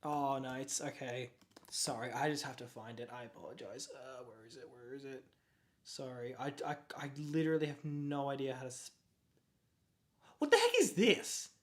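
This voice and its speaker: Unscripted and relaxed, this young Australian streamer discusses card collecting in a mid-pitched voice during a casual livestream. They get excited and ramble, laughing often and apologizing quickly.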